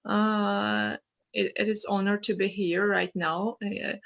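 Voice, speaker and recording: An English teacher from Georgia speaks with a gravelly, creaky voice. She sounds friendly and a little flustered. Her pitch sits in a middling range. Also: little pitch movement, slow pace, a bit bright, highs cut off. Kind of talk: online meeting remarks.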